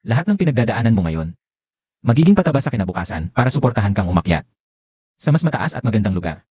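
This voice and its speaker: An actor playing a desperate grieving husband who pleads and insists in a dubbed drama. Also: male voice, on the low side, big pitch swings, fast, a little mellow, breathy edge, no echo. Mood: comforting. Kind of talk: dubbed short drama acting.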